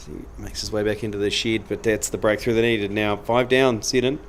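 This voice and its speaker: A man giving casual, jokey live cricket commentary from an outdoor ground, breaking into excited play-by-play. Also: fairly low pitch, brisk, a little hiss or hum.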